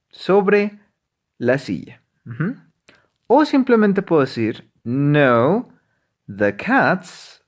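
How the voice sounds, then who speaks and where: A male language teacher explains grammar at a steady medium pitch. He stresses his points and keeps dropping in short "ujú" affirmations to move the lesson along. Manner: frequent "ujú" affirmations, emphatic.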